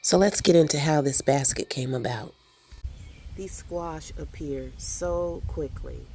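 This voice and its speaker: In this casual garden vlog, a middle-aged home gardener talks to her viewers with enthusiasm as she works in her backyard. Her low voice is a little slow, creaky, and somewhat mellow, with slight background noise.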